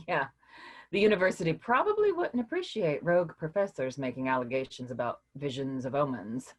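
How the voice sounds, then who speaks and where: Her voice is low-pitched, husky and animated as she plays a tired yet caring literature professor in a staged reading. The delivery is measured and hesitant but reassuring. She comes across cautious and restrained.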